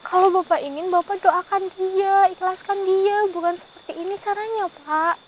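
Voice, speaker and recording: A high-voiced woman pleads gently and steadily in a soothing, persuasive tone, addressing someone with a polite title again and again. She speaks outdoors in a forest, with faint crickets and insects behind her. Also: fairly even intonation, normal speed, a little hiss or hum, low-quality recording. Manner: gently pleading, repeats "Pak" often. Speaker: paranormal investigator. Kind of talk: vlog.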